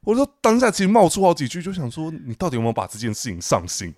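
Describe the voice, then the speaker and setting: A man with a Taiwanese Mandarin accent co-hosting a podcast, teasing and animated in casual chat. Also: quick pace, no echo, clean studio sound. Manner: animated, teasing, jumps into a high pitch when joking. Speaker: podcast co-host.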